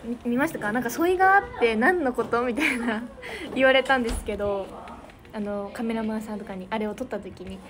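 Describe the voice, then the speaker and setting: A woman's voice: on the high side, steady tone, fast talker. A young woman with a Niigata Japanese accent chatting casually with fans on a livestream, giggly and thanking viewers by name. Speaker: idol livestreamer. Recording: noisy background.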